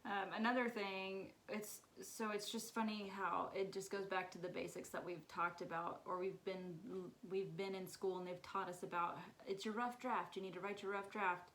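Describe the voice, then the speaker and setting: A woman co-hosting a casual podcast chat, upbeat and quick to laugh. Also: on the low side, slight background noise, poor audio. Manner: upbeat, laughs often, quotes others in bright voices. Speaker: podcast co-host.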